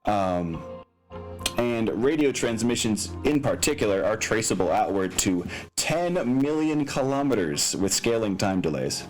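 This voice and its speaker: Over background music, a game master with a medium-pitched voice narrates a tabletop mech game in a relaxed way. He thinks out loud and explains the rules somewhat hesitantly. The recording quality is low.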